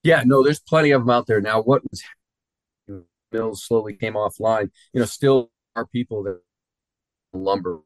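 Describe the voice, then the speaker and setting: A man's voice: fairly low pitch, normal speed, dry recording, low-quality recording. A man being interviewed as a guest sales manager over a remote line that keeps breaking up and dropping out, rambling with fillers and restarts. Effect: remote line breaking up with dropouts. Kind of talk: casual interview talk.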